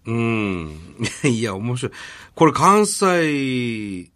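A man's voice: medium pitch, big pitch swings, very slow, sharp tone. A Japanese man hosting a radio show, reading listener mail and chatting casually with his co-host. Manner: reads listener mail aloud, then chats and jokes.

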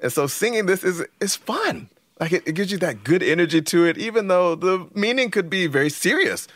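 A man's voice: high-pitched, lively intonation, extremely slow, a bit bright, no echo. A man who speaks English natively, co-hosting a studio lesson in an easygoing chat that mixes English and Korean. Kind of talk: casual bilingual studio chat.

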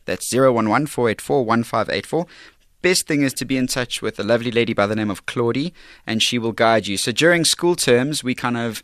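An earnest South African man speaks as a theatre director in a conversational interview. He is emphatic, circling back on words as he builds a point. His medium-pitched voice is captured very dry. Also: brisk, a bit bright, no room sound.

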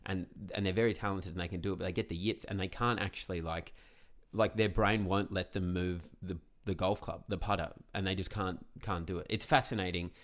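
Low-voiced man, rambling casual. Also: brisk. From Australia. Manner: rambling, filler-heavy, animated. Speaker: podcast guest, comedy writer. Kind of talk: casual chat.

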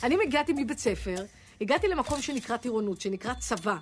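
A female comedian telling an animated story. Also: on the high side, over music.

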